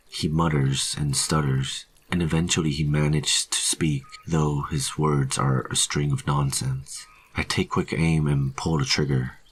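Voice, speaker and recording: A man reading a first-person horror story in a steady, grim narration. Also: very deep voice, a little hiss or hum.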